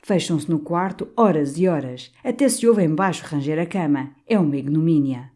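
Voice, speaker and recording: A woman's voice: deep voice, animated, a little slow, warm tone. A woman voicing an old, stout, blustering canon priest who bellows in outrage, for an audiobook. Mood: furious.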